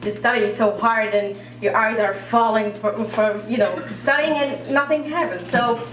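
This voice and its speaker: A young woman, a native Arabic speaker who grew up in Iraq, telling her own story on a cafe stage, talkative and halting with lots of fillers. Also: on the high side, fairly bright tone. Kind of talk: live personal storytelling. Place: cafe stage at a live event. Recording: roomy cafe, speaker far from mic.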